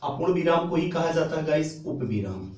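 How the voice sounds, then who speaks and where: A man's voice: on the high side, expressive, moderate pace, darkish tone. Man teaching grammar in an echoey room. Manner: repeats key terms, often says "guys". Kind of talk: exam-prep grammar lesson. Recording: echoey room, voice far from the mic.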